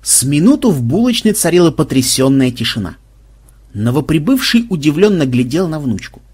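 A man's voice: fairly high pitch, very animated, normal speed, a little mellow, slightly rough. A man narrating an audiobook expressively, giving each character a voice.

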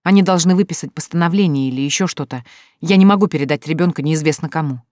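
A reader voicing a frightened young woman who speaks quietly but firmly, pleading at times, in an audiobook. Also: mid-range voice, fast talker, no echo, clean studio sound, natural voice. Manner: tense, quiet yet firm, pleading. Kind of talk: audiobook character voice.

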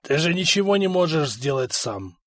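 A man's voice: on the high side, big pitch swings, moderate pace, dry recording, studio quality. A man voicing an old grey-haired king who speaks in a blunt, commanding, scornful way. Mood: stern, commanding.

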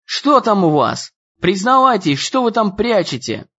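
A man voicing a whiny, indignant fourteen-year-old boy who shouts complaints and threats in an audiobook. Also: high-pitched, sing-song, a little slow, lo-fi sound, voice pushed up, heavily acted. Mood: indignant whining.

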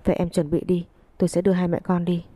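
A woman's voice: fairly low pitch, little pitch movement, fast, no room sound, muffled recording, natural voice. A woman reading the lines of a troubled young man who answers in short, firm, reassuring words. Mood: tense.

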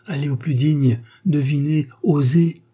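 A man's voice: a little high, steady tone, unhurried, warm tone, slightly rough, voice pushed up. A man reading the lines of a refined, proud woman of fifty who earnestly confesses her feelings in a story. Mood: heartfelt. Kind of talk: audiobook reading of a short story.

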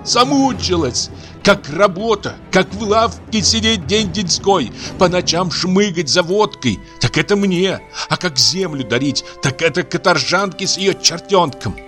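A man's voice: sits high, lively intonation, unhurried, a bit bright, faint music behind, voice pushed up. A male reader voicing a furious young peasant woman who screams and sobs with rage in an audiobook. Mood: raging.

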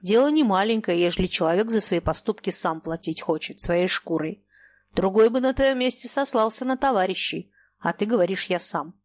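A woman voicing a stern, bearded merchant father who talks bluntly and gruffly. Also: medium pitch, moderate pace, natural voice. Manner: blunt, scolding then fatherly.

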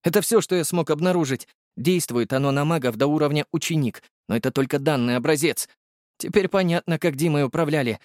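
A man's voice: a little high, brisk, a little mellow, no echo, clean studio sound, pitched above the performer's own voice, lightly acted. A man voicing an absorbed young male potion maker explaining his findings. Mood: thoughtful. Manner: musing, expert explaining.

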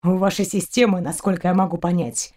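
A curt, unsentimental male starship captain brushes things off in a low, blunt voice, as a woman reads him. His delivery is dismissive and matter-of-fact. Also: little pitch movement, brisk, dark tone, natural voice.

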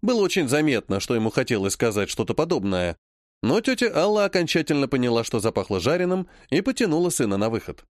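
Lively male audiobook narrator. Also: medium pitch, fast talker, no room sound, studio quality. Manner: calm, even first-person reading. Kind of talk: first-person audiobook narration.

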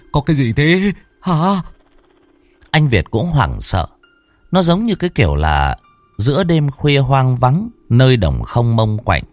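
A man's voice: fairly low pitch, darkish tone. A man narrating a first-person horror story dramatically, acting out the characters' frightened lines. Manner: dramatic, acts out panicked cries and dialogue.

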